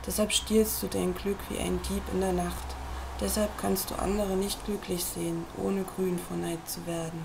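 This reader, a woman with a raspy, fry-tinged voice, reads a book off her computer screen in an earnest, deliberate way that feels aimed right at the listener. Her voice is mid-range with little pitch movement, and background noise is audible.

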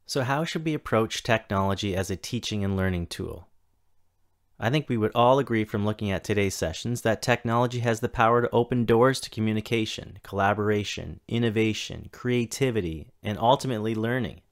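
A man in his thirties, working as a tech coordinator, reads a scripted keynote recorded at home or in an office for a virtual conference. His slightly low voice stays steady and deliberate, and he pauses between each item in a list.

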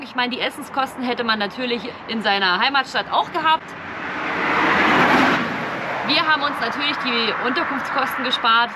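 A young woman with a high voice chats casually to a camera a few metres off, ticking through figures one at a time. She is outdoors on a street, and clear traffic and city ambience sits under her voice. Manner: chatty, lists figures step by step. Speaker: vlogger. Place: outdoors on a street, seated in an open van boot. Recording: outdoor street noise behind.

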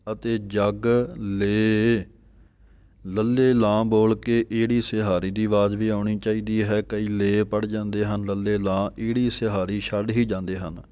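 A young man teaching careful scripture pronunciation, reciting lines slowly word by word and explaining pauses. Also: fairly low pitch, little pitch movement, a little mellow, clear, resonant tone. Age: young adult. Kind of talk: pronunciation lesson with slow recitation.

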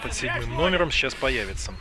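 A man's voice: medium pitch, big pitch swings, fast. A man giving live football commentary in a conversational, improvised, explanatory way. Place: outdoors at a football ground. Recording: outdoor crowd noise behind commentary.

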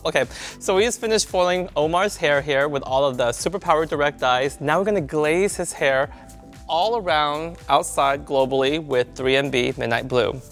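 A man's voice: on the high side, moderate pace, fairly bright tone, faint music behind. A man giving a hair-color tutorial in a salon, chatty and instructive, often checking in with his viewers. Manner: chatty, checks in with "right?" and "you guys".

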